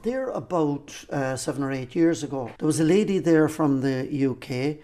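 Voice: mid-range voice, lively intonation, normal speed, warm tone, a little hiss or hum. An older person with an Irish accent from Cork, telling stories conversationally as a local guide and building up lists with repeated phrases. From County Cork, Ireland. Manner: explains by listing and repeating phrases for emphasis. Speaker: interviewee and local lighthouse guide who grew up in a keeper's family. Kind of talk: conversational storytelling and guided reminiscence.

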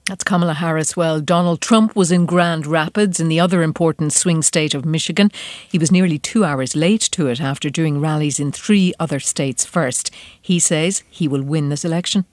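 A woman's voice: low-pitched, moderate pace, a little mellow, no room sound, studio quality. A woman working as a news presenter, reading scripted reports and putting questions to guests. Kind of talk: scripted news narration and interview. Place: radio studio.

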